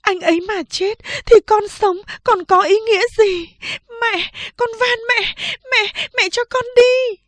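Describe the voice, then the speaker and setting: A woman's voice: very high-pitched, steady tone, normal speed, few pauses, dry recording, voice pushed up. A woman playing a sobbing young daughter. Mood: tearful pleading. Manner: tearful, pleading. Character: desperate young woman begging her mother.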